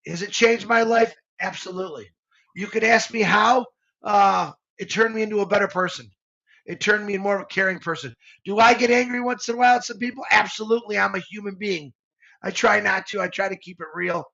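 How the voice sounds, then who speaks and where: Gravelly, earnest man in his fifties. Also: sits high, brisk, sharp tone, highs cut off. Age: 50s. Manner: earnest, rambling, emotional with many restarts. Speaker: show co-host. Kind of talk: live motivational talk.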